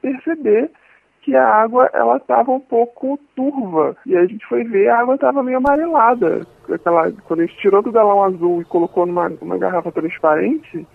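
A man interviewed by a news radio station as a listener, speaking through a voice distortion that hides his identity, halting and repeating words. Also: sits high, vocal fry, no room sound. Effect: voice distorted to hide identity. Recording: tinny phone-like line.

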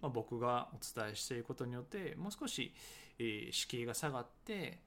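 A man who teaches English conversation talks casually about his book, hedging often and pausing with many fillers. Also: medium pitch, expressive, a bit bright. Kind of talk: casual solo talk promoting his book.

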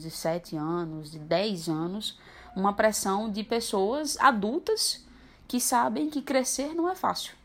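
A woman in her twenties telling her personal story as a podcast guest, reflective and lively. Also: mid-range voice. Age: 20s. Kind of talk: personal testimony.

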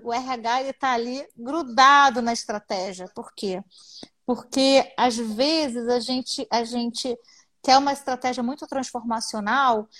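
A woman with a Brazilian Portuguese accent, a guest business consultant speaking animatedly in a casual live-stream interview, often tagging her sentences with questioning asides. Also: fairly high pitch.

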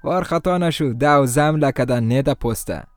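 Man putting on a raised, dry-toned, battle-hardened Afghan soldier who teases slowly and fears nothing. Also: mid-range voice, dry recording, voice pushed up, close to an everyday voice. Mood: mocking. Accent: Afghan Dari. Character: gruff veteran male soldier, teasing and fearless.

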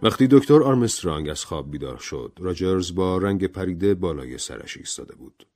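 A man narrating an audiobook novel in an expressive, dramatic reading style. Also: low-pitched, faint music behind.

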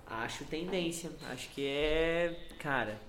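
A man's voice: a little high, slow pace, fairly bright tone. A man with a Brazilian accent teaching a casual live English class, teasing and laughing often. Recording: echoey room with faint background noise.

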